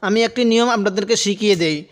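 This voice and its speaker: A man with a high voice and a Bangladeshi Bengali accent teaches Quran reading, drawing out each word slowly syllable by syllable, then giving quicker, plain explanations. He addresses viewers directly and pauses so they can repeat after him.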